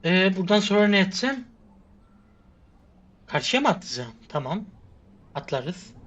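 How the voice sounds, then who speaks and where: A man's voice: high voice, very animated, normal speed, fairly bright tone. Exasperated man muttering over a game. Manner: exasperated, muttering to himself, swearing and sighing prayers. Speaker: gamer. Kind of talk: frustrated gameplay commentary. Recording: slightly muffled with faint hiss.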